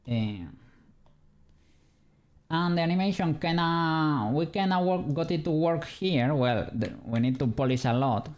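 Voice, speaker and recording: Mid-range and slightly mellow, this voice belongs to a streamer and 3D rigger from Spain who has a Spanish accent. He chats casually with viewers as he works on an animation, thinking aloud and laughing lightly.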